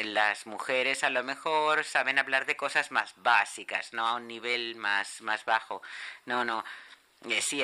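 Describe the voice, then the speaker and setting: A woman interpreting a lecture, speaking haltingly with frequent restarts and self-corrections. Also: a bass voice, sharp tone. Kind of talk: interpreted lecture on language and literature. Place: lecture hall.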